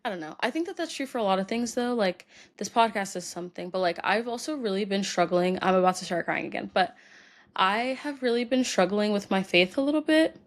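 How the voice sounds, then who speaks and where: A young woman hosting a solo podcast, talking about her feelings in a halting way with many fillers, tearful and crying at times. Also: mid-range voice, animated. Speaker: podcast host. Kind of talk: personal solo podcast talk.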